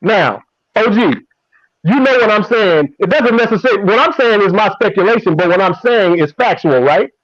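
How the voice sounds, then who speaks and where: A man in his fifties argues in a heated group debate and keeps repeating his points as he pushes through. His voice sits high for a man. The sound is dry and slightly muffled. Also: lively intonation, moderate pace, fairly bright tone, no room sound. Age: 50s. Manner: talks over others, repeats phrases.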